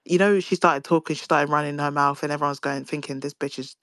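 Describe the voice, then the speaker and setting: A young woman, casually recapping a reality show, animated and swearing as she quotes the cast. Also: deep voice, fast talker, no echo, clean studio sound. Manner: animated, swearing, quoting others in mimicked voices.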